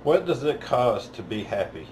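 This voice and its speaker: A man's voice: big pitch swings, normal speed, echoey room, slight background noise, low-quality recording. Blunt, swearing man giving a live talk. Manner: blunt and profane, swearing freely; builds to loud emphatic peaks, then drops low. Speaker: spiritual teacher. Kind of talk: live motivational talk to an audience. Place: auditorium.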